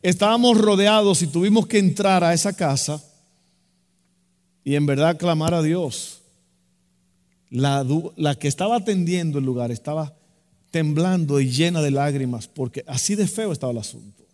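A man's voice: a little high, moderate pace, a little mellow. A man preaching a sermon as pastor, impassioned, with a rising and falling delivery. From Dominican Republic. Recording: echoey hall with long reverb.

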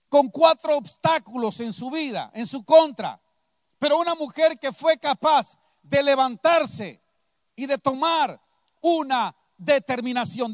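A man preaching from the pulpit in a strikingly high voice. He tells his story with emphasis and hammers his key phrases through repetition. The sound is close and dry. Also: no echo. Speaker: pastor. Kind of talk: sermon.

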